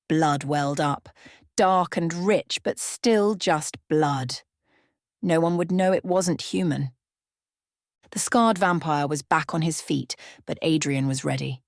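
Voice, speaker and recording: A woman storyteller with a fairly low voice reads scripted bedtime fiction for ASMR. The recording is dry, leaving very little room sound around her words.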